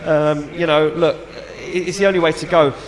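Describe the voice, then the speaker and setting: With crowd noise from the event behind him, a middle-aged announcer gives live, enthusiastic motorsport commentary and chat, repeating phrases for emphasis. The recording is rough, and his fairly high voice is flat and moderately paced.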